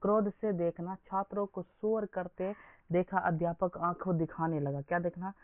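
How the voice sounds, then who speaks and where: A man's voice: high-pitched, steady tone, moderate pace, no room sound. A young man teaching an exam coaching lesson, quizzing his listeners with repeated questions. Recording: dry, phone-like lo-fi sound.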